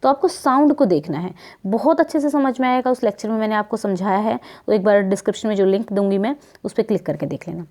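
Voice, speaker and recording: A woman with an Indian accent teaching English grammar from a worksheet. She repeats example words slowly and keeps checking in with her students. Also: mid-range voice, a little mellow. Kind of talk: worksheet lesson explained in Hindi.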